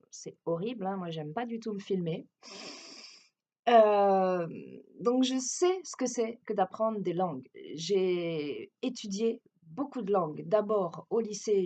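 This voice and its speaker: A woman's voice: mid-range voice, moderate pace, warm tone, husky. A French woman who teaches French gives a hesitant, explanatory self-introduction with a French accent, often restarting her sentences. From France.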